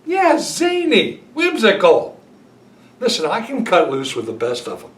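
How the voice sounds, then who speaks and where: A stiff, defensive older husband who gets indignant when anyone questions him, as a man plays him. His pitch rises and falls a lot, and the room around him echoes. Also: huge pitch swings, a little slow, full character voice. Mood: puzzled. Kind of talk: film drama acting. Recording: roomy echo.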